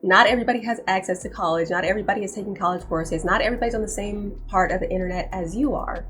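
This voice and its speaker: A woman's voice: mid-range voice, very fast, a bit bright, soft background music. A young woman hosting a commentary channel, talking in an emphatic, insistent way and repeating points for stress. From United States. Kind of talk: opinion commentary to camera.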